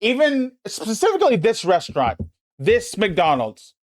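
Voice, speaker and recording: A man with a notably high-pitched voice hosting a live stream, ranting emphatically and swearing freely as he chats. The sound is close and dry, with almost no room around it. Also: wildly swooping pitch, unhurried, no echo. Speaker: livestream host. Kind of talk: casual chat.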